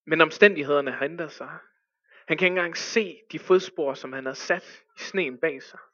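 Man telling a hushed, dramatic story. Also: on the high side, no echo, lo-fi sound. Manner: hushed dramatic pauses, voice rising to urgent cries.

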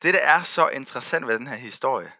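A man preaching a sermon and telling the story in a lively way, acting out the people he quotes and laughing often. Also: mid-range voice, gravelly, no room sound, highs cut off.

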